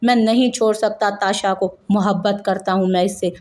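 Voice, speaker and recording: A woman's voice: medium pitch, fairly even intonation, moderate pace, lightly acted. A woman voicing a young husband who desperately pleads and stubbornly refuses to let his wife go, in a narrated audio novel. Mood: stubborn angry. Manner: pleading, then shouting in anger.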